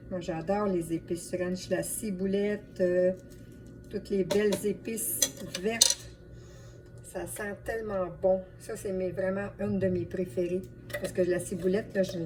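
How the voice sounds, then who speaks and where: Quebec French woman, distant mic, chatty cook. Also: medium pitch. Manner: chatty, addresses viewers as friends. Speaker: home cook and video host. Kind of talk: casual cooking demonstration vlog. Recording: distant mic, light background noise.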